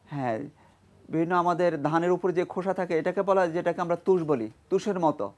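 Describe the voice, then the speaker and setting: In a broadcast studio, a high-pitched man teaches a children's class to read the Quran, spelling out letters and vowel marks one by one and having them repeat each. Now and then he recites the verse in a slow, drawn-out manner as the children chant along in the background.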